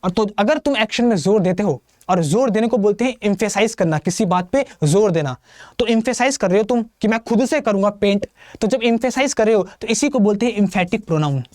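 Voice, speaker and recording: A man's voice: sits high, animated, a little fast, a little mellow, dry recording, clean studio sound. A man teaching grammar in a classroom lecture style, constantly asking his students questions and answering them himself, with English terms mixed into his talk.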